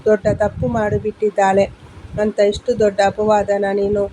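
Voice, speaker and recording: A woman's voice: medium pitch, monotone, moderate pace, mellow, slight background noise, natural voice, poor audio. A woman voicing a mother-in-law who scolds her son's wife and defends her own daughter. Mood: accusing. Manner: accusing, defensive.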